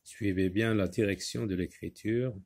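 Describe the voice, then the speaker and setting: A man's voice: lowish voice, fairly even intonation, moderate pace, a little mellow. A man teaching a reading and handwriting lesson, patiently talking the class through each step.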